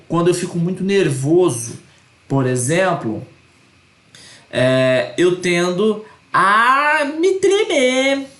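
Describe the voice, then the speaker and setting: A man's voice: on the high side, roomy sound. A man teaching an online course lecture, earnest and repeating his points with tag questions.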